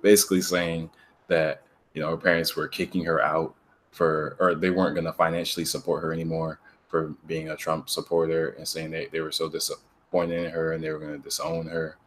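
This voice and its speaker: A man's voice: very deep voice, little pitch movement, fairly quick, a bit bright, slight background noise. A man hosting a casual discussion podcast, telling a story in a laid-back way and laughing as he goes. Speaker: podcast host.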